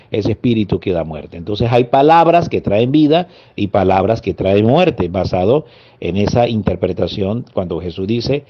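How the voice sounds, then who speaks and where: Low-voiced preacher man, lo-fi sound. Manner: earnest, slow emphatic lists with pauses. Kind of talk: sermon. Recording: dull lo-fi audio.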